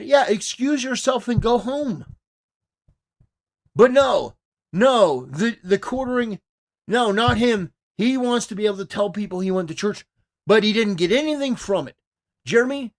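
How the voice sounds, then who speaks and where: A man with a notably high-pitched voice delivers live-stream commentary full of scorn. He talks straight at his target, confrontational and cutting.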